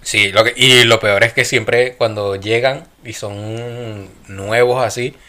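A man's voice: medium pitch, takes it slowly. A young man with a Venezuelan accent, co-hosting a casual chat and slipping into slangy, joking talk. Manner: relaxed, slangy, mimics accents for laughs. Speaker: podcast co-host.

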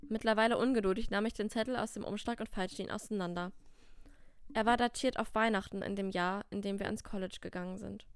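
A woman reading a first-person storybook tale in a steady, scripted narration. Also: mid-range voice, fairly quick, clear, resonant tone, no echo, studio quality. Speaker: podcast host and author reading her story.

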